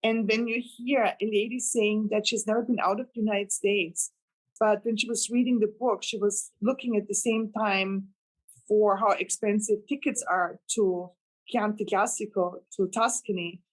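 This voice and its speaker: In a low-quality recording, an Austrian woman whose first language is German talks earnestly in accented English as a novelist guest on a casual interview. Her mid-range voice stays steady at a moderate pace as she rambles and laughs delightedly.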